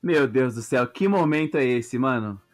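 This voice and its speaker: Brazilian dude co-hosting a football podcast, casual slangy talk, average pitch, some music under it. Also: male voice, animated, moderate pace.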